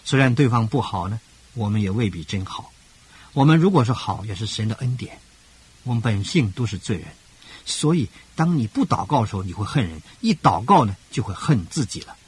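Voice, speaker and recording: Older male radio preacher, deep and raspy, emphatic cadenced delivery. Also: very animated, brisk. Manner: emphatic, rhythmic parallel phrasing with sudden rises. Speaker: pastor. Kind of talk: radio sermon.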